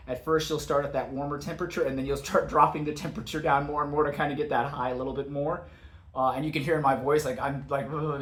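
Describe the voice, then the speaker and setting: A man's voice: a little high, echoey room. A man casually explaining his home cold plunge routine, rambling with lots of "like" and "uh" fillers. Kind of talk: casual how-to talk. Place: outdoors or patio beside a cold plunge tub.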